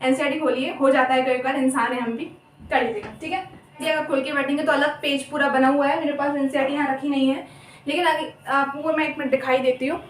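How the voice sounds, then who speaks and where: High-voiced young woman teaching, echoey. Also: steady tone, far from the mic, a little hiss or hum. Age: young adult. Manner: chatty, apologetic, repeats terms slowly. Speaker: biology teacher. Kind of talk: casual Hindi lecture with mnemonics. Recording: echoey room, voice off-mic.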